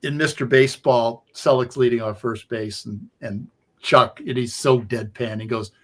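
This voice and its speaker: A man's voice: medium pitch, fairly even intonation, normal speed. Rambling radio co-host man. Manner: rambling anecdotes, trails off. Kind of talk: radio talk, storytelling.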